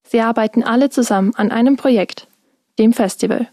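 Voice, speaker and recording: A young woman student reporter reading a scripted radio feature in a clear, measured way. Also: a little high, mellow, no echo, clean studio sound. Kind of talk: scripted narration.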